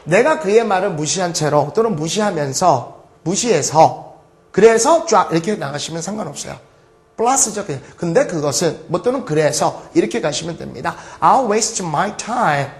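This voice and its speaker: A man's voice: fairly high pitch, normal speed. A man teaching an online English grammar lecture, joking and acting out his students' questions. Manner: lively, joking, acts out students' voices.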